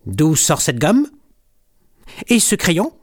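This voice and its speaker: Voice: medium pitch, very animated, normal speed, pitched above the performer's own voice. A storyteller voicing a bossy little girl kitten who protests indignantly in a storybook. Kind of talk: storybook reading.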